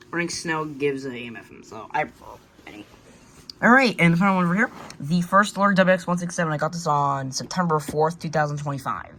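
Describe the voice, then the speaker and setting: With a medium-pitched, fairly bright voice, a radio enthusiast walks through his collection at home, standing near the shelves. The tour is casual and off the cuff, full of hesitation and trailing thoughts, captured on a noisy amateur recording.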